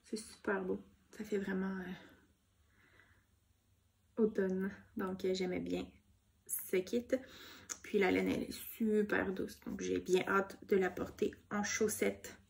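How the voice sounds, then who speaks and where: A woman with a Québécois accent talks through her knitting projects in an unhurried, relaxed way. Her speech is soft and gushing, sprinkled with little fillers. There is a noticeable gravelly fry in her voice. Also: mid-range voice. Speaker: knitting vlogger. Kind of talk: casual show-and-tell chat.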